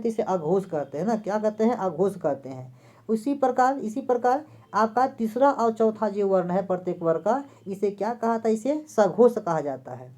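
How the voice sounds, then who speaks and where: A woman's voice: a little high, mellow. A woman teacher giving an exam-prep lesson. She asks a question, then answers it herself and repeats the key terms. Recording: dull lo-fi recording.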